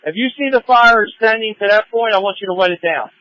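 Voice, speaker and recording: Urgent male fire commander, high voice, directing crews over muffled two-way radio. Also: fast, bright, forceful tone, no room sound. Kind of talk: firefighter radio traffic.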